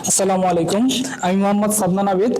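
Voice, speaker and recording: A man's voice: sits high, flat delivery, racing, background noise. A young man from Bangladesh, a new university student, introducing himself at a student gathering and filling nearly every phrase with "I mean". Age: young adult. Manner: rambling, constant "I mean" fillers.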